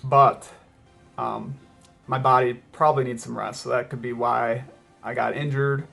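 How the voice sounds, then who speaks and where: Gravelly-edged, even-toned man vlogging casually. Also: mid-range voice, measured pace, soft background music. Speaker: running vlogger. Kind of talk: casual vlog talk to camera.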